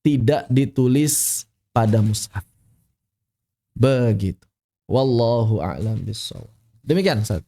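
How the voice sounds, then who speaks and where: A man's voice: mid-range voice, expressive, a little slow, pauses often, dark tone. A man teaching Quran recitation rules in an online class, patiently repeating each rule and reciting examples. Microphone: online class audio.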